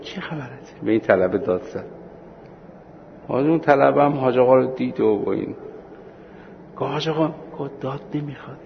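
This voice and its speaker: A man teaching a seminary class on Islamic law, telling anecdotes with acted-out dialogue and slowing down for points of law. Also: mid-range voice, vocal fry, highs cut off, slight background noise. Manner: storytelling, acting out dialogue, slows for points of law.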